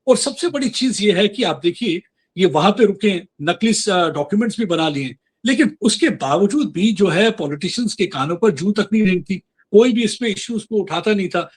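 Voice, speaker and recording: A man's voice: high voice, expressive, moderate pace, slightly rough. A man speaking as a guest in a political interview, earnest and insistent, switching between Hindi and English with frequent fillers.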